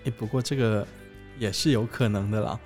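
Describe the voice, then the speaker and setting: A man co-hosting a casual chat show, trading relaxed, joking banter. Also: on the low side, fairly quick, faint music behind. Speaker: podcast co-host.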